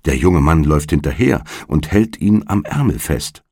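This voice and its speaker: A man reads a short story aloud in short, measured sentences. His voice is very deep, gravelly and husky, with lively pitch movement. The sound is dry and close. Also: no room sound. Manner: measured, plain delivery. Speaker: narrator.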